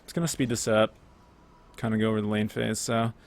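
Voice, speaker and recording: A young man giving casual commentary over his own gameplay footage, chatty and relaxed, with many fillers and self-corrections. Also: lowish voice, fairly quick.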